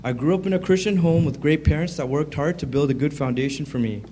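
A man's voice: fairly high pitch, fast talker, warm tone, a little hiss or hum. A man in his thirties, born in Sri Lanka and raised in Canada, reading his personal testimony to a congregation. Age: 30s. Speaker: testimony speaker.

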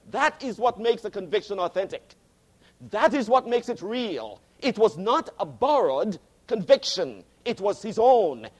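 A man in his fifties preaching a sermon, earnest and emphatic, repeating key phrases for stress. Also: high-pitched. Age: 50s.

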